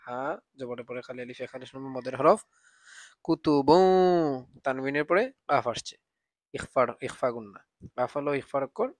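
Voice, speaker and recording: A male Quran teacher works through the text one letter at a time, naming each vowel mark before joining the syllables. His voice sits at an ordinary pitch for a man. Between the spelling he lifts into slow, drawn-out recitation. The sound is dry and close. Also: no room sound. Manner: spells letters and vowel marks step by step, then chants the verse slowly.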